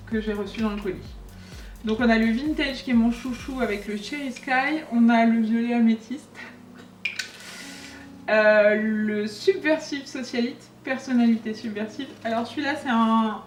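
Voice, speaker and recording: A woman's voice: a little high, distant mic. A young woman chatting casually as she unboxes makeup for her vlog and talks to the products. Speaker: beauty vlogger. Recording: echoey room, voice a bit off-mic, faint music.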